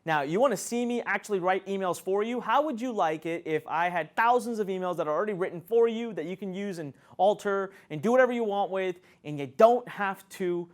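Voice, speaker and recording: A man's voice: brisk, few pauses. A man teaching an online marketing lesson, enthusiastic and conversational, laughing often as he talks. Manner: enthusiastic, swoops up and down in pitch, frequent laughs. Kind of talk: energetic teaching talk to camera.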